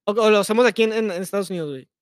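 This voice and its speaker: Fast-talking young man, high voice. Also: no room sound. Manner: crude slang, fast, argumentative. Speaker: podcast co-host. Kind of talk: casual chat.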